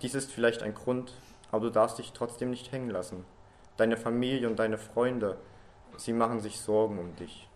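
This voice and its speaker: A man reading a story aloud, voicing the comforting ghost of a lost loved one who softly urges the listener not to give up. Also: mid-range voice, moderate pace, slight background noise, lightly acted. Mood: urging.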